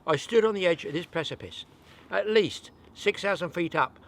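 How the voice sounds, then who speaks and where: An older British man hosts an outdoor channel from a forest cabin, chatting casually and rambling with self-mocking humour. His voice is high and expressive, and he talks at a moderate pace.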